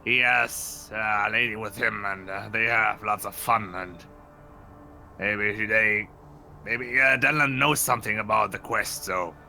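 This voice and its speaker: A man's voice: on the low side, fairly even intonation, unhurried, sharp tone, faint music behind. A man playing a tabletop game, talking casually. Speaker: player. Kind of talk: casual play.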